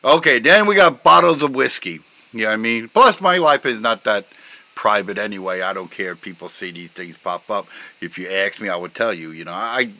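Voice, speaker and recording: A middle-aged man chatting casually, rambling with constant "you know" fillers and trailing off softly. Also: fairly low pitch, lively intonation, a little fast, low-quality recording. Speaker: vlogger. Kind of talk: casual rambling chat about memes.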